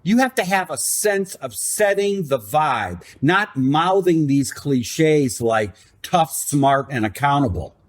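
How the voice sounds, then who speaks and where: A man co-hosts a casual sports podcast, lecturing with emphatic sarcasm. His voice sits a little high and swings widely in pitch as he presses each point. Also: lively intonation, slow, few pauses. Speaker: podcast co-host.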